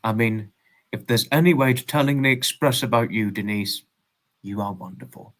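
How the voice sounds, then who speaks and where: This livestream host, a man in his twenties, chats casually with viewers, greeting and answering them with effusive, old-fashioned manners. His wording is formal and long-winded, and he tends to repeat what he has just said. He talks at a moderate pace in a middle-range male voice with a fairly bright tone.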